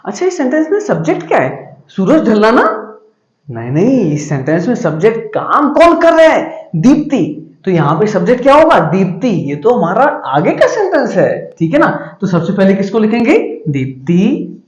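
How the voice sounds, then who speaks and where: Guy teaching grammar, pitch jumping all over, quizzes then answers himself, echoey room. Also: wildly swooping pitch, darkish tone, muffled recording. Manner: asks questions and answers them himself, slows down to dictate sentences. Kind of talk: classroom grammar lesson.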